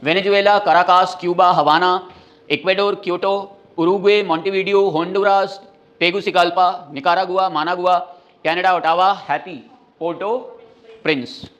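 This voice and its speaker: A male teacher with a fairly high voice runs through a list of countries and their capitals in a quick, steady rhythm. He mixes Hindi with English phrases as he explains. It sounds like a classroom lesson. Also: dull audio.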